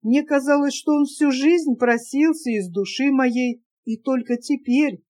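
A shy, wistful young dreamer, lovesick and earnest, pouring his heart out in a storybook reading, as a woman reads him. The voice stays fairly high and pleading. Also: unhurried, mellow.

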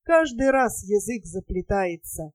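A woman's voice: medium pitch, animated, measured pace, a little mellow, no echo, close to an everyday voice. Brief: woman reading a smug flirtatious captain, glib vows, storybook audiobook. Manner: smooth-talking, self-satisfied, grandly vowing.

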